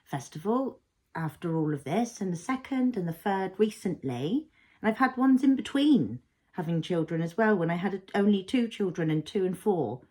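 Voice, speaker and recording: A woman's voice: fairly low pitch, lively intonation, normal speed, mellow, breathy edge. A woman in her thirties, a mother and vlogger, talking through her thoughts in a rambling, reflective way full of fillers. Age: 30s. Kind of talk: casual personal vlog.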